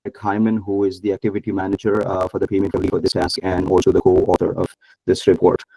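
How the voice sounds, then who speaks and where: A man's voice: low-pitched, little pitch movement, gravelly, warm tone, no echo, poor audio. Man on a choppy, dropping call line. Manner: halting, with frequent "uh" fillers. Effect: choppy, dropping internet audio that breaks up and freezes. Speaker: webinar moderator. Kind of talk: formal webinar moderation over a video call. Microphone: video call.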